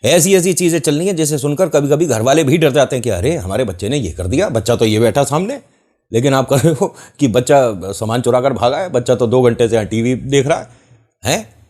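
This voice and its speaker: बातूनी अंदाज़ में किस्सा सुनाता आदमी. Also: male voice, mid-range voice, fairly quick. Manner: animated retelling, acting out quoted voices. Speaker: YouTube channel host. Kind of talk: casual storytelling monologue.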